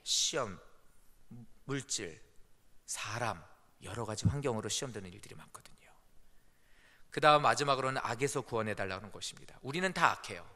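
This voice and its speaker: A man's voice: fairly low pitch, brisk, pauses often. A male pastor preaching a Sunday sermon in a church, telling stories and acting out the quotes. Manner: animated storytelling with acted-out quotes. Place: church sanctuary. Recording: echoey church hall.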